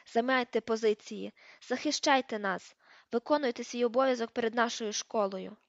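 A woman reading the part of a stern, commanding older female professor in an audiobook, giving crisp, sharp orders. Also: on the high side, normal speed, dry recording, lo-fi sound, lightly acted.

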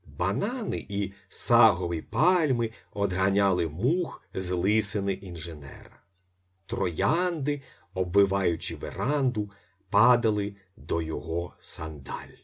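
A man reading a literary novel aloud as its narrator, with expressive swings in his voice. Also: slow pace, slightly rough. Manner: expressive, with lively pitch swings.

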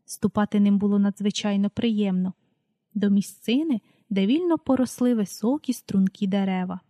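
Female storybook reader, warm mellow tone, dry close sound, calm unhurried delivery. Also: mid-range voice, no room sound. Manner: calm, unhurried reading, announces page numbers aloud. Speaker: audiobook reader. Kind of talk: storybook read-aloud.

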